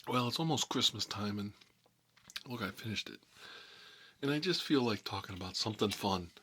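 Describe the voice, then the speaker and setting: Hosting a character story series, a man plays a nostalgic, folksy mob boss who tells rambling stories in a casual ASMR style. His voice is on the low side, animated, bright, and forceful at normal speed, with a little hiss or hum. The mood is friendly, and he says "you know" often.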